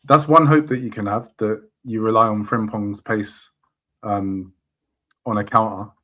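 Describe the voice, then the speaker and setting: A man's voice: lowish voice, steady tone, measured pace, sharp tone. A man on a casual football podcast, talking in confident, teasing banter. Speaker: podcast panelist.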